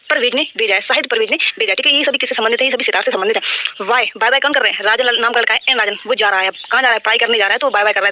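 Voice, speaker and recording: A woman teaching exam-prep general knowledge races through her lesson, her voice bright and forceful. She keeps firing a question and answering it herself at once. Her pitch sits slightly high. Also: a little hiss or hum.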